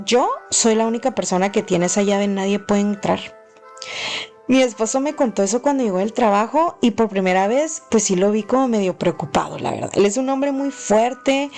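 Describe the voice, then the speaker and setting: A woman earnestly narrating her own paranormal story, unhurried and full of fillers. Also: a little high, a little mellow. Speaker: channel host.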